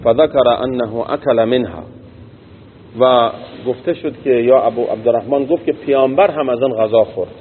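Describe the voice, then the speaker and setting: A man teaching as a religious teacher. He reads a text phrase by phrase and explains each part in plain everyday words. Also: mid-range voice. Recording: tinny phone-like sound with long hall echo and faint noise.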